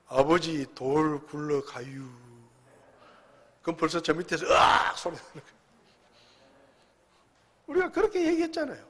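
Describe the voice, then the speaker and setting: In a church sanctuary with long hall reverb, a high-pitched pastor from South Korea preaches a sermon. He talks conversationally, with big swings between loud and soft.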